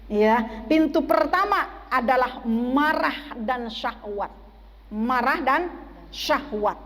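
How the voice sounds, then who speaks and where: A woman's voice: high voice, lively intonation, takes it slowly, a bit bright, in a large hall. A woman preaching a sermon to a women's study group, often asking the audience questions. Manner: asks the audience questions and waits for replies. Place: mosque.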